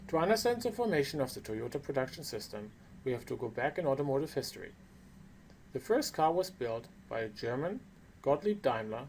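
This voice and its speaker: A man's voice: on the high side, a little mellow, slight background noise. A man with a non-native English accent gives a prepared lecture as a course instructor, explaining things with emphasis. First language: not English.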